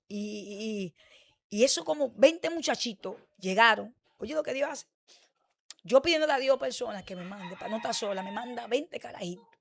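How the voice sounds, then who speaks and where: A woman pastor with a Dominican accent, giving her testimony in an interview and acting out the dialogue she quotes. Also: high-pitched. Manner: animated storytelling, acts out quoted dialogue.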